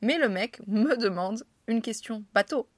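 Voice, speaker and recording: A woman's voice: on the high side, lively intonation, measured pace, dry recording. Chatty young Frenchwoman, dry close sound. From France. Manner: chatty, self-mocking, slangy, laughs often. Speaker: vlogger telling anecdotes. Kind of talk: casual storytelling to camera.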